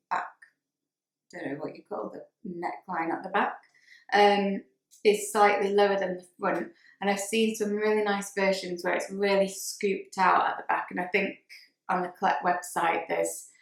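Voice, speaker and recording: Sewing vlogger, woman, hesitant and chatty, roomy echo. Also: medium pitch. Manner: chatty, hesitant, lots of ums and restarts. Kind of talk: casual chat to camera.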